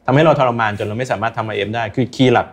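Speaking very fast with a medium-pitched voice, this man is a recreational runner being interviewed, sharing earnest personal experience and advice in a relaxed conversation.

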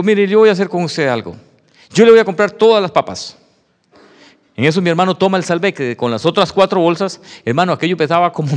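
A man preaching a sermon testimony, telling a story with animated acted-out dialogue. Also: a little high. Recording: long hall reverb.

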